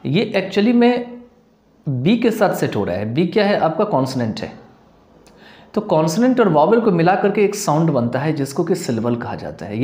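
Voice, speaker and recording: A man's voice: on the high side, dark tone, reverberant. A man teaching a lesson, explaining as he writes on a board and mixing English terms into his talk with rhetorical questions. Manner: mixes English terms and read-out quotes into Hindi, checks with rhetorical questions.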